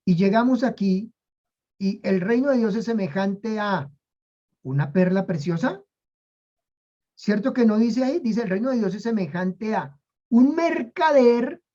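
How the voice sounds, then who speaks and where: A woman leads a Bible class in a warm, mellow voice. She drives her points home by repeating key phrases and asking listeners to say them out loud. The recording sounds a little dull and lo-fi. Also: mid-range voice, lively intonation, unhurried, pauses often. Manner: emphatic, repeats key phrases, urges listeners to say lines aloud. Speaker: Bible teacher.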